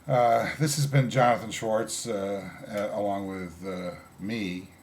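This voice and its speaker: Man, interviewer, very deep voice, hesitant, filler-heavy, dry, comedy sketch. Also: steady tone, takes it slowly, slight background noise.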